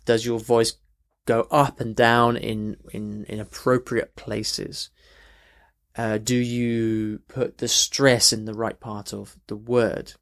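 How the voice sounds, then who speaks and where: A man of medium pitch hosting an audio lesson. He talks off the cuff, backtracking and rephrasing as he goes, and keeps checking in with the listener. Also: level tone, slow pace. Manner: conversational, many restarts and "okay" check-ins. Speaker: language teacher, podcast host. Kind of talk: unscripted podcast lesson. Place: in London.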